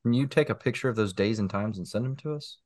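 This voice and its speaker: A man chatting casually as a game contestant, talking in a halting, methodical way as he checks the details. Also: fairly low pitch, darkish tone. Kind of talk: casual chat.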